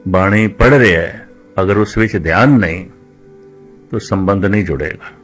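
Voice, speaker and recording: A male Sikh preacher giving a religious discourse, speaking slowly and deliberately, repeating phrases and drawing out scripture lines in a sung cadence. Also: deep voice, soft background music.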